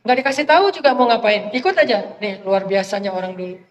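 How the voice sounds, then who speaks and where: A male preacher telling a religious story in a casual, conversational sermon, animated and chatty. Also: sits high, fast, lo-fi sound. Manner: conversational, animated retelling with acted quotes. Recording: echoey hall, faint noise.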